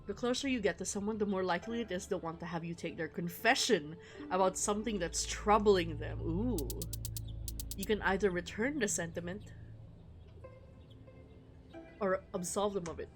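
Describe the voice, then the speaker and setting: A female streamer plays a visual novel live, chatting casually in a wry, rambling manner and reading the game's text aloud. Her mid-range voice moves at a moderate pace with frequent pauses. Music plays behind her.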